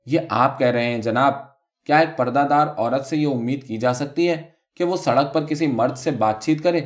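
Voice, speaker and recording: A hot-tempered tonga driver, a grown man seething with jealousy, as a storyteller puts him on. He talks in a heated, indignant way, a touch lower than the reader's own voice. The audiobook recording sounds dull and lo-fi. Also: close to an everyday voice.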